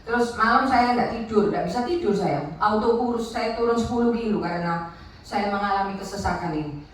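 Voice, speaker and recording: A woman's voice: mid-range voice, brisk, slight background noise. A woman giving a candid personal testimony at a fellowship meeting, dropping into asides. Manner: candid, mixing in Javanese asides. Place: hotel function room. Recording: echoey room, distant mic.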